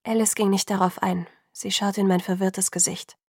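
A woman narrating an audiobook in the first person, measured and sometimes hushed. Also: medium pitch, little pitch movement, slightly rough, no echo, clean studio sound.

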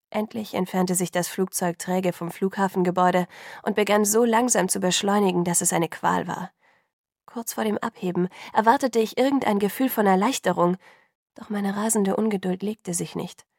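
A woman reading a first-person novel aloud as audiobook narrator, voicing dialogue a little higher than her narration. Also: vocal fry, darkish tone, no echo, studio quality. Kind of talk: scripted narration.

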